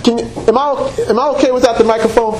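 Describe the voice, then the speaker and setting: An extremely high-voiced preacher talks fast with fairly even intonation, delivering loud, emphatic Bible teaching to a congregation and interjecting exclamations like "praise" and "amen." His unamplified voice is picked up by a room mic in an echoey church meeting room, with background noise present.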